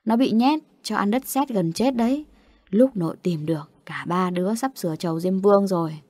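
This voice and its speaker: A woman voicing an elderly grandmother who heads the family in an audio story, speaking gravely and scolding. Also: medium pitch, normal speed, darkish tone, dry recording, natural voice.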